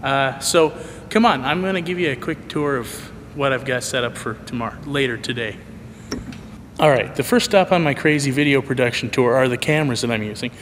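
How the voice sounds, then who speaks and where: A man's voice: mid-range voice, fairly quick, a bit bright. A man giving a casual, rambling vlog tour with dry, self-deprecating humor, talking to a handheld camera. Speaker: video producer and vlogger giving a tour. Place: large empty church auditorium at night. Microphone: handheld camera microphone. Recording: echoey large hall, clear background noise.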